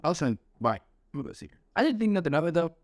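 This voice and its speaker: A young man co-hosting a podcast, telling a story in animated, slangy, profane casual chat. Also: a little high, very fast, no echo, clean studio sound. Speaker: podcast co-host.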